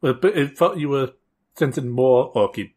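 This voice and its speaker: A man playing a tabletop game, halting and stumbling over his words with many fillers. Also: mid-range voice, animated, darkish tone. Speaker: player. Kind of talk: casual tabletop play.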